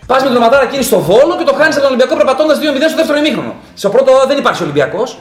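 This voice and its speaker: A man with a fairly high voice tells stories in casual podcast banter, dropping to hushed asides and then bursting out loud. The room is echoey, and faint music plays underneath. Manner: animated storyteller, jumps between hushed asides and loud bursts. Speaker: podcast guest. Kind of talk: casual banter about football.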